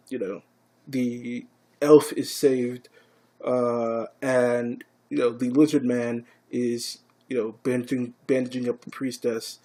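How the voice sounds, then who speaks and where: Husky-voiced man recapping an anime. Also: mid-range voice. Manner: casual, profane, grows excited. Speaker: anime reviewer. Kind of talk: casual recap and review.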